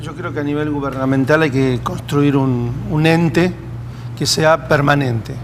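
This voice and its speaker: A man whose first language is Hebrew, speaking as a community-building expert, thoughtful and pausing with fillers. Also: fairly high pitch, fairly even intonation, a little hiss or hum. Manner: thoughtful, hesitant fillers, practical examples. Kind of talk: reflective interview answers.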